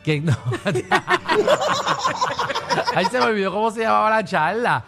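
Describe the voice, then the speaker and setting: A man's voice: high-pitched, fast, creaky, over loud music. A Puerto Rican man hosting a radio show, bantering casually and laughing often.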